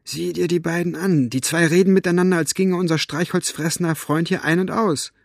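A man voicing Elinor, a gruff, sharp-tongued older woman who scolds and snaps, in an audiobook reading. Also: fairly high pitch, steady tone, brisk, dry recording, clean studio sound, voice pushed up. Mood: suspicious. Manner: brusque, scolding.

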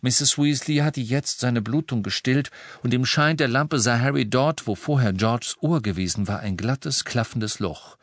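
A man narrating an audiobook in a calm, measured way. His mid-pitched voice is recorded close and dry. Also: dry recording. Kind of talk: scripted narration.

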